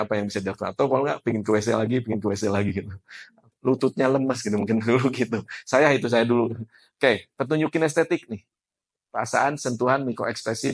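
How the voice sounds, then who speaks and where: A man's voice: lowish voice, vocal fry, slightly rough. Man lecturing. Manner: lively, asks the class questions. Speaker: NLP trainer. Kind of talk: classroom lecture.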